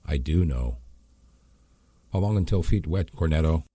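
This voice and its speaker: A weary army colonel speaks quietly and hesitantly, in the narrator's own low voice. The tone is dark and husky, close and dry. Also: male voice, lively intonation, measured pace, dry recording, full character voice. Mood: subdued.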